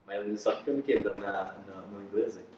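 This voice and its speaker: A man teaching physics in an online class, lively and joking, speaking with a Brazilian Portuguese accent and calling students by name. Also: fairly low pitch, fast, echoey room, recorded from a distance, dull audio, slight background noise.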